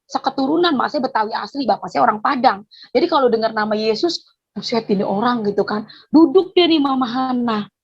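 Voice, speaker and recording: Woman, husky and breathy, tells a lively faith testimony; dull lo-fi recording. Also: a little high. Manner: animated storytelling, acting out dialogue. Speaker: testimony speaker.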